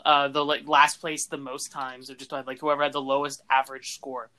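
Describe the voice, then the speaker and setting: A young man hosting a podcast, telling stories among old friends with frequent laughter and animated asides. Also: medium pitch, moderate pace. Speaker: podcast host.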